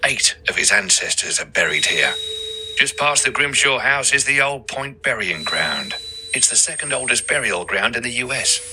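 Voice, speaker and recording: Bright, theatrical man narrating a spooky ghost tour. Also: medium pitch, expressive, normal speed, a little hiss or hum. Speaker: audio walking tour guide.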